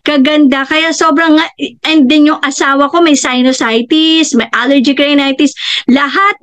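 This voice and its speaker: A middle-aged woman giving a personal testimonial, telling her family's story in an animated way and jumping high when she quotes others. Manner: animated, acts out quoted family members with sudden high-pitched jumps. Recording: dull, slightly lo-fi recording.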